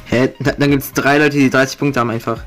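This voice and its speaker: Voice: mid-range voice, fairly even intonation, fast talker, over music. A gamer, griping sarcastically and swearing while chatting with a friend during a match. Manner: sarcastic, foul-mouthed griping. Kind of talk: gaming commentary, casual chat with a friend.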